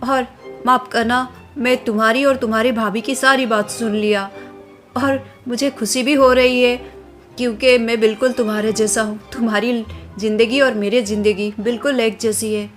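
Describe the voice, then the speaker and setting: A woman's voice: fairly high pitch, steady tone, moderate pace, soft background music, lightly acted. A woman voicing an earnest young male suitor who speaks candidly.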